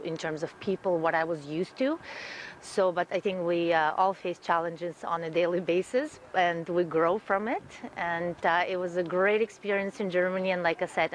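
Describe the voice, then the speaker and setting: A woman in her thirties speaks in a fairly low voice, earnest and warm-hearted in her account of herself. She leans on fillers and repeats words as she talks. A faint hiss of noise sits under the recording. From Russia. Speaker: guest, event producer. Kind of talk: guest interview, self-introduction.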